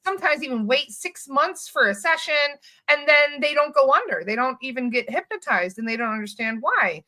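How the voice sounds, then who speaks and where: A woman hypnotist and spirit release practitioner talking casually in an interview, telling animated stories, acting out quotes and swearing casually. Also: high voice, brisk.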